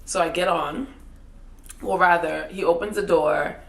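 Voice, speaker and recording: A woman in her thirties spins a personal story straight to camera in a loose, chatty vlog style. Her voice sits a little low and has a gravelly fry to it. She keeps it playful and animated, tossing in the odd curse word. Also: a little slow. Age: 30s. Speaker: vlogger.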